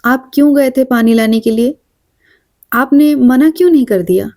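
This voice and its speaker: A woman's voice: sits high, normal speed, darkish tone, no room sound, clean studio sound, pitched above the performer's own voice. Woman voicing a fretful young woman. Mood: plaintive. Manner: fretful, plaintive, self-reproaching. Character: anxious self-blaming young woman on train. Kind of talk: storybook reading.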